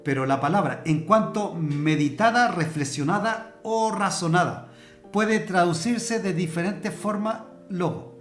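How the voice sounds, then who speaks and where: A man's voice: high-pitched, a little slow, faint music behind. Preacher, man, talks to his class plainly with everyday examples, roomy hall sound. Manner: conversational, explains with everyday examples. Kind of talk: church discipleship teaching. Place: church hall.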